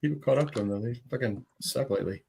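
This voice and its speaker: A man's voice: mid-range voice, fast, creaky, a little mellow, slightly rough. A man making jokey remarks and asking questions in a casual live-stream chat.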